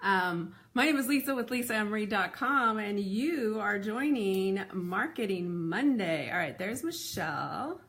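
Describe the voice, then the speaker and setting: A woman's voice: medium pitch, lively intonation, a little slow, few pauses, a bit bright. A middle-aged woman hosting a casual live stream, chatty, with many fillers and restarts. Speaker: host.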